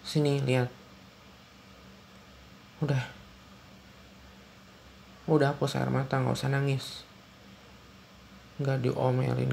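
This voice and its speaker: Guy doing a bossy young husband in an asmr roleplay, super gravelly, flat delivery, keeps lecturing. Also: mid-range voice, slight background noise. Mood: stern, then calming. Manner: lecturing, repetitive, scolding. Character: stern, controlling young husband scolding his wife. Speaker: ASMR role-play creator. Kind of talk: ASMR boyfriend role-play.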